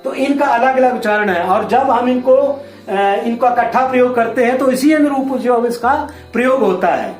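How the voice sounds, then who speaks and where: A man with a high-pitched voice explains a grammar lesson to schoolchildren, patiently repeating himself and drawing out single sounds. The room rings with echo, and faint music plays underneath. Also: moderate pace. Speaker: Hindi teacher.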